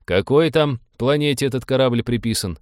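A man's voice: medium pitch, moderate pace, no echo, pitched above the performer's own voice, close to an everyday voice. A man voicing a weary, sarcastic male starship captain with a dry wit.

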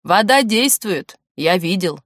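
A woman's voice: on the low side, animated, slow, fairly bright tone, dry recording, studio quality, full character voice. A woman reading the part of a blunt, joking helicopter pilot in an audiobook. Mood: blunt, urgent.

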